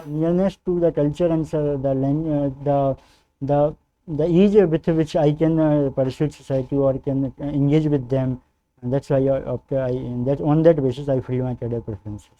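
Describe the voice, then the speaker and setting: In a mock civil service interview, a young adult man with a North Indian accent, a native Hindi speaker from northern India, responds haltingly and deferentially, frequently calling the interviewer "sir." His fairly high voice is mellow and steady in tone. The audio sounds dull.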